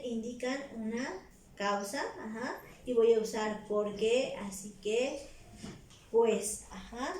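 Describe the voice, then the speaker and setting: A woman's voice: fairly high pitch, a little mellow, distant mic, a little hiss or hum. A woman teaching a recorded lesson, explaining step by step and dropping in affirming "ajá" and "ujú" as she goes. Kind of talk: recorded exam-prep lesson. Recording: roomy, echoey room.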